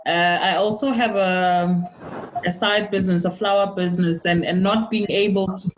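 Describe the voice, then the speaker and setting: A woman's voice: medium pitch, fairly even intonation, normal speed, a little hiss or hum, poor audio. A woman from South Africa joins the chat as a guest. She speaks candidly and reflectively, in a casual conversational way. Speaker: guest, quantity surveyor.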